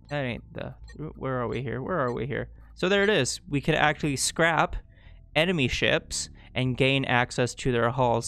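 A man's voice: medium pitch, a bit bright, smooth. Rambling man narrating a strategy game. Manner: rambling, self-correcting, chatty asides. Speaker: gameplay guide host. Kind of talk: casual gameplay tutorial commentary.

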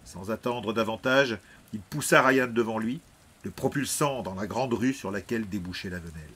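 A man reading an audiobook in measured, dramatic scripted narration. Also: fairly low pitch, fairly bright tone, slightly rough.

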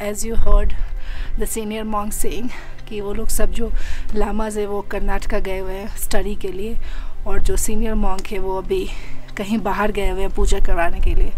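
A woman's voice: medium pitch, little pitch movement, measured pace, over music. A young woman talking straight to a handheld camera as she vlogs her travels outdoors in a sunny mountain village, chatty and enthusiastic. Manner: chatty, enthusiastic, addressing viewers directly. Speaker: travel vlogger. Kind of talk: casual travel vlog, mixing Hindi and English. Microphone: handheld camera at arm's length.

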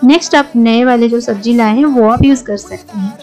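A woman's voice: on the high side, brisk. A middle-aged woman from India giving friendly kitchen tips in a voice-over, mixing English words into her Hindi. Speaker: home cooking channel host. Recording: soft music bed behind voice-over.

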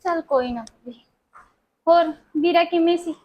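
A woman playing a modest, dutiful married sister visiting her family, with a Punjabi accent and soft, polite replies. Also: very high-pitched, a little slow, highs cut off. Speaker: visiting sister in a short film. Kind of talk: village family drama acting.

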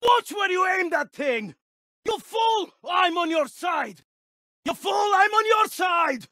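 A dramatic medieval eastern warrior barks battle lines for a video game in very high, strained shouts, delivered slowly and emphatically. The exaggerated, animated voice sounds angry and scornful, with clean studio sound and no echo.

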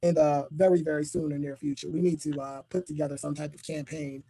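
A man's voice: a little high, steady tone, fairly quick, gravelly, mellow. A man in a casual group chat, interjecting with enthusiasm. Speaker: podcast panelist.

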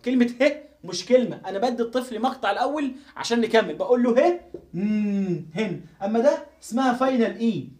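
A man with an Egyptian Arabic accent leads a live online phonics class. His voice sits high for a man, and he drills words and sounds over and over, patiently correcting how they are said. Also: a little mellow. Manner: repetitive, drills pronunciation over and over. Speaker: English teacher.

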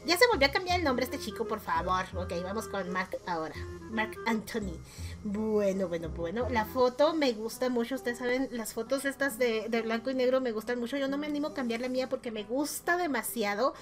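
A chatty Mexican woman with a somewhat high voice rates her friends' game profiles in a relaxed, teasing way and laughs often. Faint music plays underneath her talk. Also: fairly quick. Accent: Mexican Spanish. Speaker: gaming YouTuber. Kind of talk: casual chat while rating game profiles.

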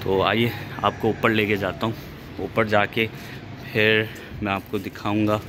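Man, middle-aged, casual walkthrough, enthusiastic, relaxed, outdoor rooftop, handheld phone, faint traffic noise. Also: fairly low pitch. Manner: relaxed, enthusiastic, with thinking-aloud pauses. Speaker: vlogger showing a rooftop renovation.

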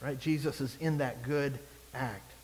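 A man's voice: medium pitch, fairly even intonation, measured pace, darkish tone, long reverb tail, poor audio. A male pastor giving a sermon, preaching expressively and asking the congregation rhetorical questions.

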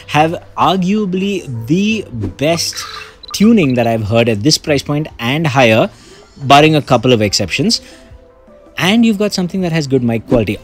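A male tech reviewer talking in a relaxed, conversational way, his pitch swinging widely as he makes his points. He breaks off for joking asides about himself, with soft music under his voice. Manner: chatty, self-deprecating asides. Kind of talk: casual product review.

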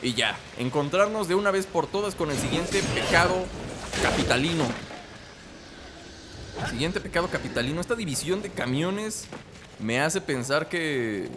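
A man's voice: on the high side, expressive, moderate pace, background noise. A young man with a Mexican accent, commenting playfully on a game he is playing and joking with its characters. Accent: Mexican Spanish. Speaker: gaming commentator. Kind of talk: let's play commentary. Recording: game music loud behind voice. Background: video game music and sounds.

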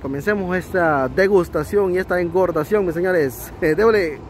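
Speaking at a normal pace in a high voice, a man with a Salvadoran Spanish accent hosts a casual outdoor travel vlog from a riverside restaurant. He's chatty and enthusiastic and laughs often, and a slight hiss or hum runs under the audio.

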